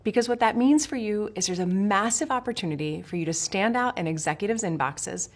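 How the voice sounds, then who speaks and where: A woman's voice: mid-range voice, fairly quick. A woman from Switzerland narrating a sales course in an upbeat, emphatic coaching manner, speaking straight to the viewer. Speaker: sales instructor.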